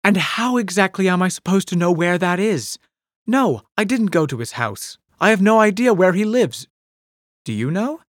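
A blunt, tipsy woman, as a male storyteller puts her on, firing off sharp, exasperated questions in a lifted voice. The audiobook reading is close and dry, with no room around it. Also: a little high, very animated, normal speed, no echo, voice pushed up.

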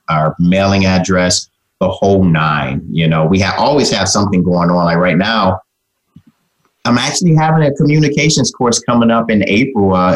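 Deep-voiced man chatting casually in an interview. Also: poor audio. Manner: informal, folksy, peppered with "man" and "you know". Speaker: interview guest, communication trainer and author.

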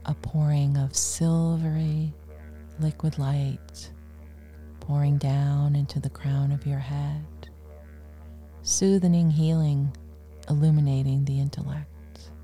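A woman leading a guided relaxation meditation in a soft, breathy near-whisper, soothing, with pauses between short phrases. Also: low voice, flat delivery, faint music behind.

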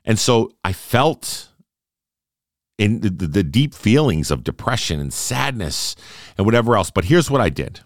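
Deep-voiced man in his forties, earnest podcaster. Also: big pitch swings, a little slow, dry recording, clean studio sound. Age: 40s. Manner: earnest, conversational, repeats phrases and asks "right?". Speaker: podcast host. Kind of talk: solo podcast monologue.

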